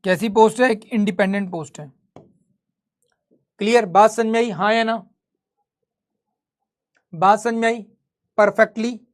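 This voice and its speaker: A man's voice: high voice, fairly even intonation, measured pace, pauses often. A man leads a history class in Hindi mixed with English, in a chatty teacher's voice. He keeps asking the students questions and then answers them himself, and he keeps the lesson moving at an easy, talkative pace. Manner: conversational, quizzing students and answering his own questions. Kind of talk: live online class lecture.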